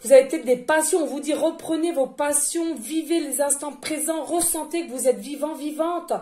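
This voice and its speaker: A woman's voice: sits high, moderate pace, warm tone, reverberant. A woman medium giving a casual, rambling oracle card reading, chatting and laughing with her listeners as friends.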